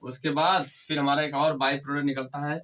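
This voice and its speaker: A man's voice: on the high side, little pitch movement, fairly quick, fairly bright tone, distant mic, low-quality recording. A man teaching a chemistry lecture. He asks questions and answers them himself, repeats key terms, and speaks to his students fondly and with encouragement. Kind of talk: whiteboard lecture.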